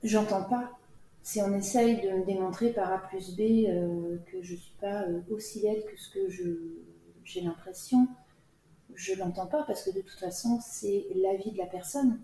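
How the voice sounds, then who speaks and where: Hesitant woman with a mellow voice. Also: mid-range voice, reverberant, slight background noise, rough recording. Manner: hesitant, many pauses and fillers. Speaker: podcast guest. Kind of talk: personal interview.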